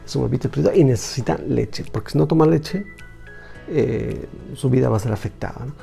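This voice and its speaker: Gravelly man teaching Bible. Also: medium pitch, brisk, dark tone, faint music behind. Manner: repeats phrases for emphasis.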